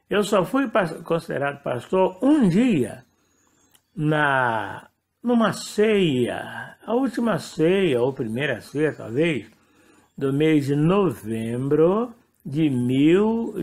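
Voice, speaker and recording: A man, a pastor with a Brazilian Portuguese accent, telling a personal testimony in a rambling way and correcting himself as he goes. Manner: rambling, self-correcting storytelling with lively pitch swings. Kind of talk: testimony sermon.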